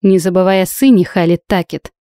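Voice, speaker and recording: A woman's voice: lowish voice, fairly even intonation, brisk, mellow, no echo, clean studio sound, natural voice. A woman doing a cunning male healer. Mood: commanding.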